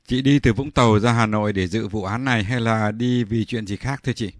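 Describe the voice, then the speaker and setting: A man's voice: lowish voice, a little fast, no room sound. A man hosting a radio show, asking questions in a formal, polite way. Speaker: radio host. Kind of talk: radio phone interview.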